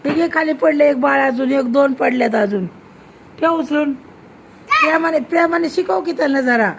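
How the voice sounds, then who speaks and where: A woman's voice: high voice, moderate pace, creaky, a little hiss or hum. A woman filming a home vlog, chatting casually and scolding with teasing questions. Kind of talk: casual home video chat.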